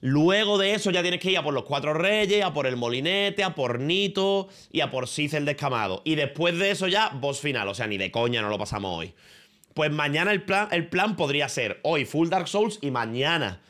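Lively and fairly bright, this man's voice sits fairly high and moves at a moderate pace. He's a streamer from Spain with a Spanish accent, rambling casually from his room, full of swearing and slang as he talks to viewers and a friend.

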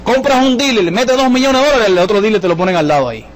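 A man giving a jokey motivational sales presentation to a live audience, firing off rhetorical questions. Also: high voice. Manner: jokey, rapid-fire, full of rhetorical questions. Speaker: business presenter. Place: event room with a live audience.

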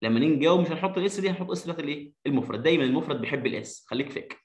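A man with an Egyptian Arabic accent teaching an English lesson. He says the English example sentences slowly and drills them, then explains quickly in Arabic. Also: on the high side, expressive, reverberant.

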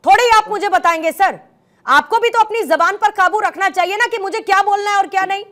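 A woman's voice: very high-pitched, brisk, a bit bright. A woman anchoring a heated televised debate, pressing guests and repeating her questions over them.

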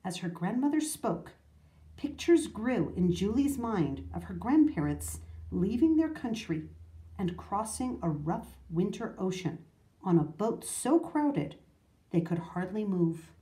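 Woman storyteller, slow lively read-aloud, roomy echo. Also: medium pitch. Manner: expressive, unhurried read-aloud. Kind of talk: children's storybook reading.

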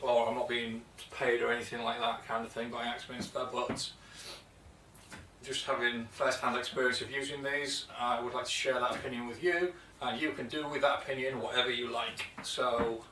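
A chatty British man in his thirties shows off his tools in a loose, rambling way. His voice is bright and forward. He is heard from a few feet away in an echoey workshop. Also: medium pitch, moderate pace, a little hiss or hum. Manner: chatty, rambling with fillers and restarts. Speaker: woodworking video host. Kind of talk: casual show-and-tell vlog. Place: home workshop, indoors. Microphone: camera mic from a few feet away. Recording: echoey workshop, distant mic.

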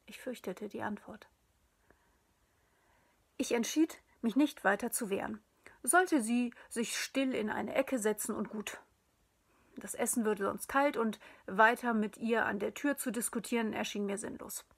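A woman narrates a story in a hushed, often whispered voice. Her tone is breathy and sits a little high. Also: measured pace.

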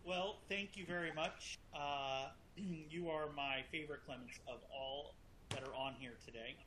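A man moderating an online panel discussion with teasing, deadpan humor, heard over a video call. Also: on the high side, unhurried, background noise.

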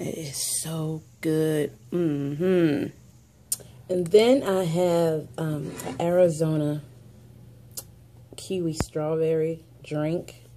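Stuffy with a head cold, a woman in her forties talks to camera in a low, mellow voice for her casual daily vlog. She's chatty and laughs easily, holding a phone or webcam at arm's length as she goes between office, car and home indoors.

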